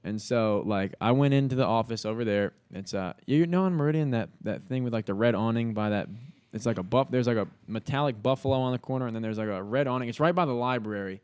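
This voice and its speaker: A young man rattles through a story as a podcast guest at a quick clip, voice sitting at an ordinary middle pitch. His talk is slangy and animated, packed with fillers, "dude" and "bro" and swearing. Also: clear, resonant tone. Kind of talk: casual storytelling.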